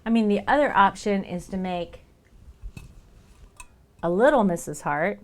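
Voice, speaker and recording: A woman's voice: medium pitch, expressive, measured pace. A woman live streaming as she works on a craft project, chatting casually and thinking aloud as she goes.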